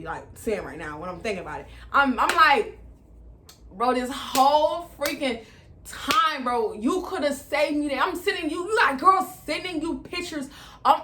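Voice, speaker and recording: A woman, telling an animated, profane storytime vlog and re-enacting her own dialogue. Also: high voice. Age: 20s. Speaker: vlogger.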